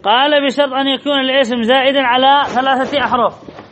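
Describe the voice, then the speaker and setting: High bright-voiced male grammar teacher. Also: steady tone, fast talker. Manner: asks students questions and repeats answers. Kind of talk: classical text lesson, reading and explaining. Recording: slightly dull, faint background noise.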